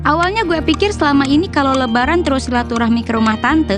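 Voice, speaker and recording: A woman's voice: high-pitched, quick pace, over music. A woman narrating a family story in a chatty, slangy way, talking straight to her viewers. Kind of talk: casual storytime narration over mukbang video. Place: voice-over.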